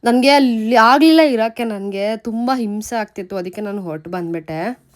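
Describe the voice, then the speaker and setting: A woman's voice: a little high, normal speed. A young woman, chatting casually to camera at home in a vlog, telling stories. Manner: chatty, storytelling, shifts loud and soft. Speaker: vlogger.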